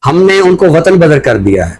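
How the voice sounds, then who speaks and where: A man with a Pakistani accent offers reflective talk show commentary, explaining things deliberately and often posing rhetorical questions. His voice is on the high side, very animated and darkish in tone.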